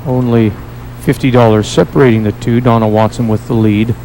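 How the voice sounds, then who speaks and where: A man's voice: medium pitch, steady tone, fairly quick. A man hosting and calling a bowling match in a play-by-play style. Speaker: play-by-play sports host. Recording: noisy broadcast with loud crowd. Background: crowd and bowling alley noise.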